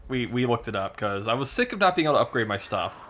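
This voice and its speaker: A man's voice: medium pitch, very animated, fast, a bit bright. A man hosting a let's play video, chatting casually and joking while he plays. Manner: chatty, jokey, bursts into an exaggerated announcer voice. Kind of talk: casual gameplay commentary.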